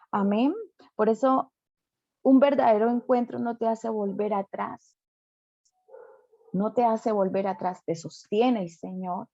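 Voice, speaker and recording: Mellow-voiced woman pastor preaching. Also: mid-range voice, vocal fry, no room sound, lo-fi sound. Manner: emphatic, with rhetorical tag questions. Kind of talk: sermon.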